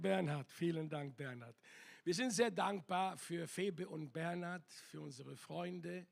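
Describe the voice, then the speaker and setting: Guest pastor, man, high gravelly voice, slow emphatic preaching. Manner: passionate, emphatic preaching with repetitions. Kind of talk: sermon. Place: church hall.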